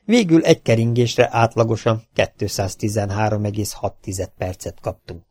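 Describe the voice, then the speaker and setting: Low-voiced Hungarian male audiobook narrator. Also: expressive, dark tone, dry recording, studio quality. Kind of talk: scripted narration.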